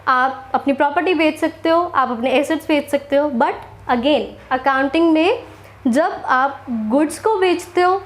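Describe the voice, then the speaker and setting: A young woman with an Indian accent gives an accounting lesson in a high, clear voice. She poses questions to her students and then answers them. Her explanations are slow and deliberate. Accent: Indian English. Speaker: accounting teacher. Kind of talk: classroom lecture.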